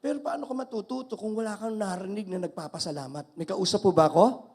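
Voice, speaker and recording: An older male pastor preaching an animated sermon, mixing Tagalog and English and calling out to his congregation. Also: sits high, quick pace.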